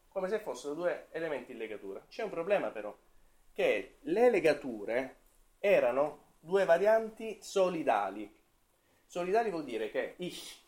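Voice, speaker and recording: A man's voice: a little high, darkish tone. A man from Italy giving an academic talk on linguistics to a class, thinking aloud, with fillers and self-corrections. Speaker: seminar presenter.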